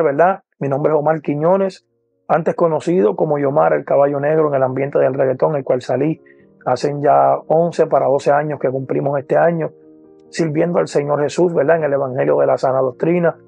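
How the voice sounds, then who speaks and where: A man in his forties with a Puerto Rican accent, an evangelist giving his personal testimony to camera, earnest, often pausing on "eh" and repeating praise phrases. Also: on the high side, gravelly, mellow, husky. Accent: Puerto Rican Spanish. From Puerto Rico. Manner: earnest, repeats "poderoso el nombre de Jesús", many "eh" and "¿verdad?". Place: indoor room with lamp, seated. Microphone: lapel mic.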